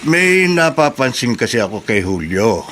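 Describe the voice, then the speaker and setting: An actor with a Filipino accent plays an adult male auto-shop worker in a radio drama, concerned and suspicious, speaking earnestly and confidingly with a worried mood. His mid-range voice is sing-song and fairly bright at a normal speed, with a little hiss or hum in the recording.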